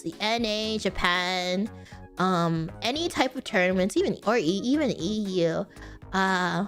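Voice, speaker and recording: Young woman streamer rambling n giggling, super lively voice, bit of music in the back. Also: medium pitch. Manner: giggly, rambling, lots of fillers and restarts. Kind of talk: casual stream chat.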